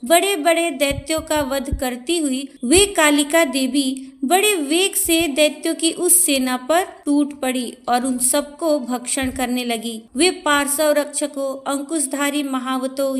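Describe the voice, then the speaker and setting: A woman reciting a devotional scripture in a slow, measured, solemn manner. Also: high voice.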